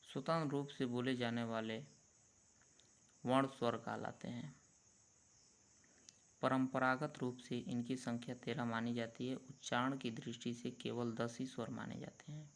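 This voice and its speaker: A man teaching a lesson at an unhurried, deliberate pace. He explains step by step and stretches out each sound he demonstrates. His voice sits at an ordinary pitch for a man. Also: fairly even intonation. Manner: slow, measured, drawn-out letter sounds.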